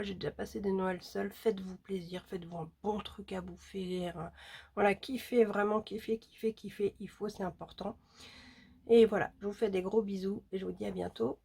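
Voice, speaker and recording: A woman's voice: medium pitch, creaky, warm tone, husky. A woman beauty vlogger chatting casually and enthusiastically to her viewers about makeup, with lots of fillers. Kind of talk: casual makeup vlog chat.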